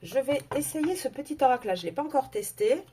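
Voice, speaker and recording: A woman giving a casual tarot and oracle card reading to her viewers, talking in a halting way with many fillers and self-corrections. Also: high-pitched, animated, noisy background.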